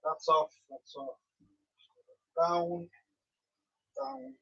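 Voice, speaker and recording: A man from Wales, a native Welsh speaker with a Welsh accent, livestreams his homebrew brewday from his home brewery, relaxed and chatty as he answers viewers. His voice is high and slightly rough, with drawn-out words. The highs are cut off in the recording.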